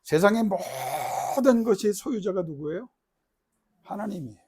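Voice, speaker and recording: A middle-aged male pastor preaching in a high voice. He moves between loud, crying-out prayer and soft, low asides. He keeps asking the congregation questions and has them repeat lines after him. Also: lively intonation, a little slow, breathy edge. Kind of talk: sermon.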